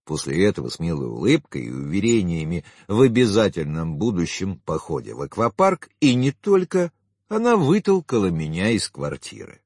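A man reads a first-person audiobook with wry, expressive delivery, his low voice swinging widely in pitch. The tone is husky and the recording dry and close. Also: a little fast, hardly any pauses, no echo. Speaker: audiobook narrator.

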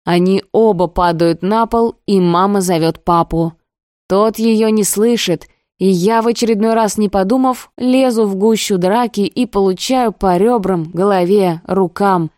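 A woman reads a first-person novel aloud in a steady, expressive storytelling voice. Her tone is mellow and warm. The recording is dry and close, with no room sound. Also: mid-range voice, unhurried, no room sound. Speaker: audiobook narrator.

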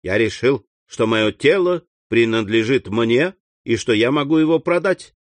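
A man's voice: mid-range voice, animated, unhurried, dry recording, lightly acted. A man reading the part of an earnest young man who speaks fervently to his mother in an audiobook. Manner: fervent, eager, raising his voice on key words. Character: earnest young man, devoted proud son.

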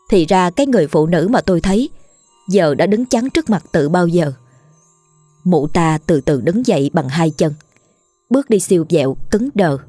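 A woman reading a horror story aloud in a steady, measured and grim narration. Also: on the low side, no room sound.

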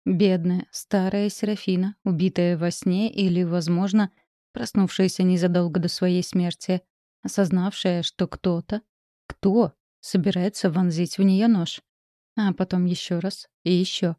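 Brief: woman audiobook narrator, measured and tense, warm dark tone. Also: fairly low pitch, fairly even intonation, no room sound, studio quality. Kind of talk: first-person audiobook narration.

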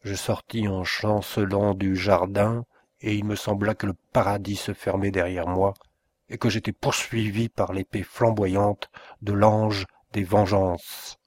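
A man reads a classic tale aloud at a slow, unhurried pace, with a somewhat low voice. The first-person telling is measured and expressive. The sound is dry and close. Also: no room sound. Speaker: audiobook narrator. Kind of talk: literary audiobook narration.

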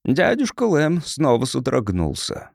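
A man reading an audiobook in the first person, telling it in a folksy, expressive way. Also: mid-range voice, a little slow, vocal fry, no room sound, studio quality. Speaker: audiobook narrator.

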